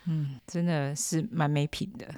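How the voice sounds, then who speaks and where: A woman's voice: low voice, steady tone, moderate pace, warm tone, dry recording, studio quality. A woman co-hosting a casual podcast, giving wry short reactions and laughing often. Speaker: podcast co-host. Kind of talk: casual chat.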